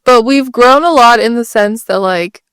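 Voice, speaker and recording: A woman talks casually as a podcast co-host. Her voice is fairly high and clean, recorded dry and close without room sound. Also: normal speed, fairly bright tone, smooth, no room sound.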